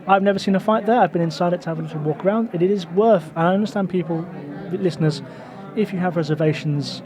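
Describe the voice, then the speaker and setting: A man hosting a walking tour outdoors on a city street, talking in a chatty, digressive way full of fillers. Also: fairly high pitch. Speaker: podcast host and tour guide.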